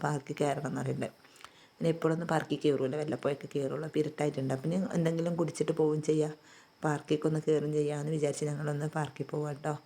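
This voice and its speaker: A woman vlogging in a relaxed, homely way, with a voice still hoarse from illness. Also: low voice. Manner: chatty, homely, tags sentences with "tto". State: hoarse, recovering voice. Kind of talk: casual vlog narration.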